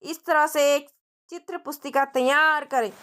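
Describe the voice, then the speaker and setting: High-voiced woman teaching young children. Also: fairly even intonation, unhurried, fairly bright tone. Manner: explains in simple Hindi mixed with English words; friendly, asks the children questions as she goes. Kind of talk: textbook lesson for young children.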